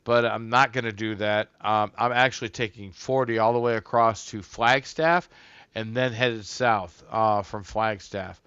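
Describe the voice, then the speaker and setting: A man's voice: on the low side, fairly even intonation, measured pace, a bit bright, clean tone, dry recording, muffled recording. A man hosting a casual livestream, rambling and a bit tipsy from a couple of beers, talking loosely and swearing to his chat. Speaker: livestream host.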